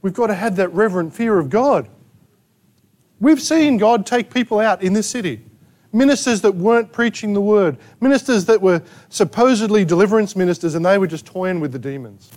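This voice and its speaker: An Australian man preaches with a notably high voice. He delivers his sermon emphatically, firing rhetorical questions and sharp asides at his congregation. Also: animated, brisk. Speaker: pastor. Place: church gathering in a rented hall.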